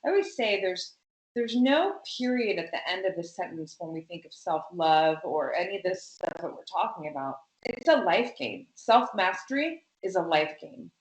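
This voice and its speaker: Woman guest getting all fired up, lots of um and you know, room echo. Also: medium pitch. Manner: animated, emphatic, many fillers. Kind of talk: conversational interview.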